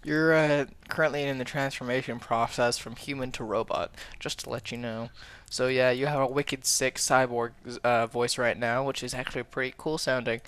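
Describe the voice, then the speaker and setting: A man commentating a strategy game match, calm in analysis and excitable when fights break out. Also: mid-range voice, moderate pace, clear, resonant tone. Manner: excitable, shouts during fights. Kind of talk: esports casting.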